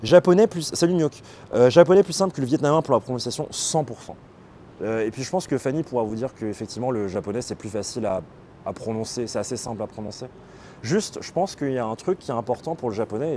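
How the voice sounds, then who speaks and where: Mellow-voiced man hosting a late-night stream. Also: mid-range voice, a little hiss or hum. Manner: explanatory, hesitant, with many fillers. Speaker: livestream host. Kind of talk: casual live-stream chat.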